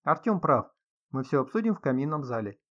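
A man voicing a calm, grim, ironic male host of a mansion, speaking dryly, on a slightly dull recording. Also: medium pitch, a little fast.

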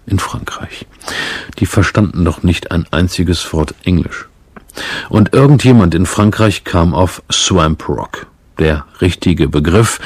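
A man hosting a radio program, narrating calmly and paraphrasing a guest's words. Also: low-pitched, slightly rough, dry recording. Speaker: radio host.

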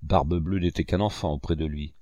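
A man's voice: a bass voice, steady tone, a little fast, mellow, no echo, studio quality, pitched below the performer's own voice. A man voicing a big, hot-tempered, haughty English squire in a storybook reading, exclaiming grandly. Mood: hearty.

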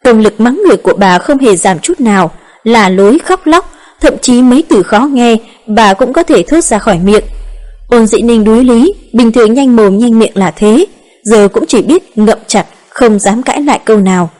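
A woman narrating a romance novel in a calm, steady reading voice. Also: fairly high pitch. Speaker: audiobook narrator.

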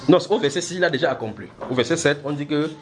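A man's voice: a little high, racing. A man preaching, teaching the Bible by asking his listeners questions, repeating words and pressing his points with energy. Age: adult.

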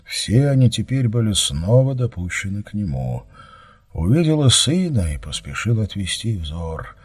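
A man reading a historical novel aloud in a measured, grave audiobook narration. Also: on the low side, sing-song, slightly rough, no room sound, clean studio sound.

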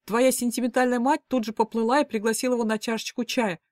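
A man's voice: very high voice, level tone, fast talker, no echo, clean studio sound, pitched above the performer's own voice. A woman reading the part of a teasing, mocking middle-aged father who bickers with his wife. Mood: wry. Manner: mocking, wry.

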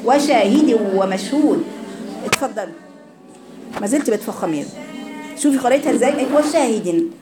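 A woman with an Egyptian accent teaching Quran recitation, correcting students and repeating sounds slowly for them. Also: on the high side, lively intonation, reverberant, music in the background. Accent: Egyptian Arabic. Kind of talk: tajweed class instruction.

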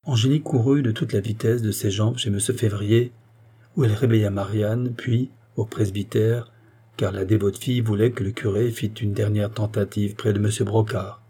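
Man narrating a novel, dark husky voice. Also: on the low side, fairly even intonation, normal speed. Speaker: audiobook reader.

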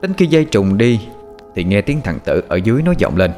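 Low-voiced man telling a suspenseful tale. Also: brisk. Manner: expressive, suspenseful. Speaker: storyteller. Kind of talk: scripted horror story narration. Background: faint music.

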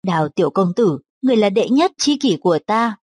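A woman's voice: mid-range voice, expressive, a little fast, a little mellow, husky, dry recording. A woman reading the lines of an elderly, courtly host in a storybook, in a formal and gracious way. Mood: warm, courtly.

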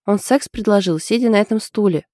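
Woman doing lovesick anxious young woman, hesitant and confiding, mellow dark tone, dry close sound. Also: medium pitch, brisk, no room sound, close to an everyday voice.

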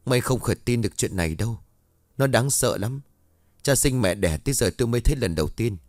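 A man's voice: medium pitch, animated, fast, darkish tone, dry recording, close to an everyday voice. A man voicing a frightened middle-aged village woman who tells her tale urgently, close to his own reading voice. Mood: alarmed.

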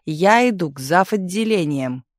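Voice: mid-range voice, animated, normal speed, no room sound, clean studio sound, close to an everyday voice. A reader doing a stern scolding hospital nanny. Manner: curt, scolding, emphatic. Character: stern hospital nanny, older woman, harsh.

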